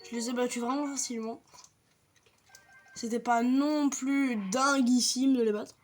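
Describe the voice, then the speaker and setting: A woman's voice: fairly high pitch, steady tone, unhurried, faint music behind. A young woman casually commenting on her gameplay, chatty and explaining each step to viewers with the odd light swear. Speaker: gaming video creator.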